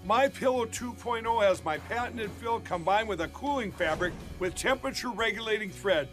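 A man's voice: high-pitched, lively intonation, moderate pace, fairly bright tone. A man reading a scripted ad with salesy enthusiasm over light music. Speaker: ad spokesman. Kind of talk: scripted ad read.

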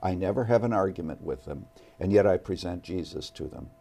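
A man appearing as a studio guest, speaking earnestly and deliberately about faith. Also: sits low, lively intonation, creaky, dark tone. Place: television studio.

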